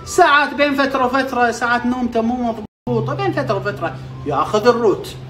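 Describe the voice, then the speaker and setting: A man's voice: very high voice, fast talker, sharp tone, soft background music. A man with a Kuwaiti accent hosting a health-tips explainer, quizzing himself and repeating terms so they stick. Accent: Kuwaiti Arabic. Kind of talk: informal explainer.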